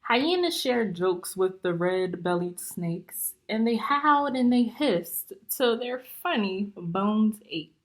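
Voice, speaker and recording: A woman reads a picture book to her students as a teacher would. Her pitch sits in the middle and her pace is very unhurried. She is deliberate and instructive, explaining and questioning as she goes. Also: lively intonation. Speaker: teacher reading aloud to students.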